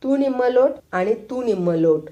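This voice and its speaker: A woman voicing a stern, quick-tempered male village schoolteacher who barks orders in rustic speech, in a storybook reading. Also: a little high, lively intonation, mellow, dull audio, voice pushed up, lightly acted. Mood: growling.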